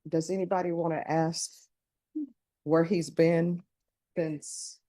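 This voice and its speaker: A woman's voice: low-pitched, flat delivery, slow pace, dark tone. A woman presiding over a court hearing as the judge, giving instructions and questioning counsel.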